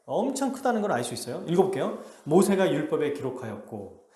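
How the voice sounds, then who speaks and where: A male pastor preaching a sermon with animated delivery, acting out the quotes he reads. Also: on the high side, fast talker, reverberant. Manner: animated, acts out quotes in a lively voice. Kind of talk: expository sermon. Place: church sanctuary.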